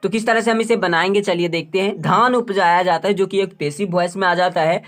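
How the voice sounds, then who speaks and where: A male teacher works through a grammar tutorial at an unhurried, patient pace. He asks a question, pauses, and answers it himself. He repeats each phrase and spells words out letter by letter as if writing them on a board. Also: sits high, steady tone, fairly bright tone. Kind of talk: online tutorial lesson.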